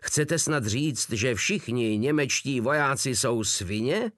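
A man's voice: medium pitch, lively intonation, a bit bright, no echo, clean studio sound, lightly acted. A man voicing a pompous Prussian army captain who shrieks orders and loses his temper. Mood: furious. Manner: shrieking, losing control.

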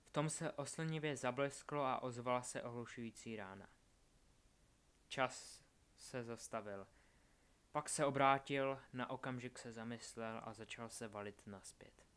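A male narrator reads a dark fantasy story at a middle pitch. He keeps his delivery low and measured. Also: clean tone. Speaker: audiobook narrator.

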